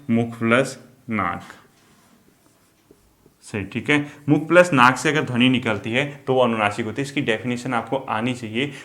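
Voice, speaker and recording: A man teaching Hindi grammar for exams, who keeps saying "ठीक है", poses questions and answers them himself, and slows down to spell out vowel sounds. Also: mid-range voice, a bit bright. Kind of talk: exam-prep lesson at a board.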